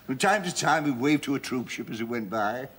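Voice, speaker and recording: A man's voice: mid-range voice, lively intonation, normal speed, background noise, natural voice. An actor playing a chuckling, rambling old father. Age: older. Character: boastful old father, fond of war stories. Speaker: father in a sitcom. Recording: studio audience laughter.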